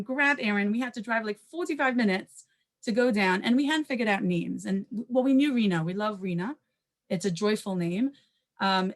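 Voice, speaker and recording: Animated woman telling a personal story. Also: medium pitch. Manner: animated, conversational, peppered with Hebrew terms; quick asides and self-corrections. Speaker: panelist sharing a personal story. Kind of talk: personal storytelling at a panel talk.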